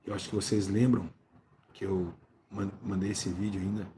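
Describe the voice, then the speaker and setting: A man's voice: sits low, flat delivery, normal speed, slight background noise. A preacher, a man, talking to his viewers and calling out over a church video he plays. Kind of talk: religious teaching video. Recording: loud music behind voice.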